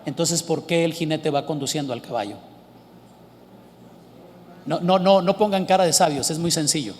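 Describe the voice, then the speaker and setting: A man's voice: fairly high pitch, moderate pace, a little mellow, a little hiss or hum. A man preaching a sermon with emphasis, asking the congregation questions and answering them himself. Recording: long hall reverb.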